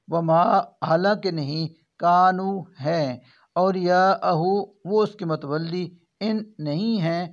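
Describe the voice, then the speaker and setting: A man reading a verse-by-verse scripture translation, measured and phrase by phrase. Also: high voice, muffled recording. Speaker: translation reader.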